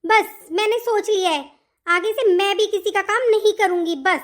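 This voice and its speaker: A fed-up young wife from a cartoon family drama, voiced by a woman. She talks back in an indignant, outspoken way and lists her grievances. Her voice is very high. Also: moderate pace. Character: long-suffering elder daughter-in-law finally speaking up. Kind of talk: animated family story voice acting.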